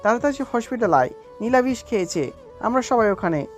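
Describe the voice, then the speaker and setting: A man's voice: very high voice, very animated, soft background music, pitched above the performer's own voice. A man voicing a middle-aged father who calls with urgent, alarmed news, in an audio story. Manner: hurried and alarmed.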